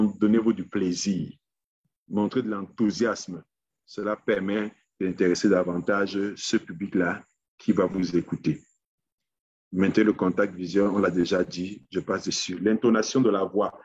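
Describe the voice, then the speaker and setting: A man's voice: on the low side, breathy edge, no echo. A man giving an online lecture on public speaking, often hesitating and repeating words as he searches for the phrasing. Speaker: webinar speaker. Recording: dull lo-fi online webinar audio.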